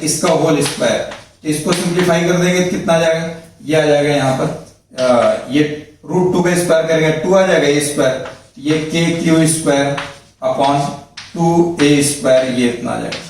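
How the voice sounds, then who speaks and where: A man teaching physics in a classroom lecture, explaining step by step and checking in with students. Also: fairly high pitch. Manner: explains step by step, repeats points, asks checking questions. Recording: echoey room, mic far off, faint noise.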